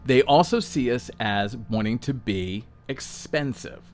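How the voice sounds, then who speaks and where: A self-employed designer in his sixties hosts an unscripted solo podcast, speaking unhurriedly in a mid-range, darkish voice with faint music behind. He's blunt and profane, mocks himself, checks in with the listener, and leans heavily on "um" and "all right?"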